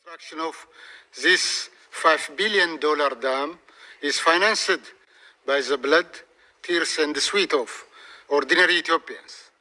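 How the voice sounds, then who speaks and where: A man with a very bright, sharp voice delivers a prepared advocacy statement. His tone is firm and declarative, and he pitches it a little high. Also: measured pace, faint music behind.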